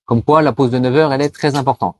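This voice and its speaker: Speaking in a mid-range, darkish voice with fairly even intonation and no room sound, this French vlogger gives advice to cross-border workers. He addresses the viewer as "tu," fills his talk with "euh," and slows to demonstrate how greetings are pronounced in a casual explanatory chat with a small language lesson.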